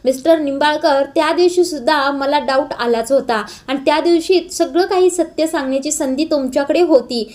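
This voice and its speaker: A woman's voice: sits high, moderate pace, hardly any pauses, darkish tone, natural voice. A woman reading the lines of a furious young man who accuses his elders. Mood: angry.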